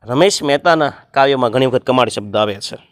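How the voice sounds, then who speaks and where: A man, teaching an exam-prep grammar lesson and explaining word meanings one by one, sometimes chanting a verse slowly. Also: medium pitch, no room sound, studio quality.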